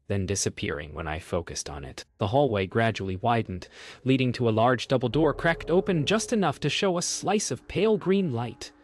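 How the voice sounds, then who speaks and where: A man reads a scripted first-person horror story as narrator, with measured, deliberate phrasing. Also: mid-range voice, no room sound.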